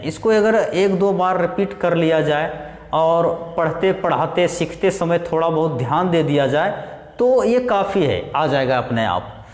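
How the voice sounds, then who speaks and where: A man teaching a grammar lesson, explaining slowly with worked examples. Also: high voice. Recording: echoey room, distant reverb.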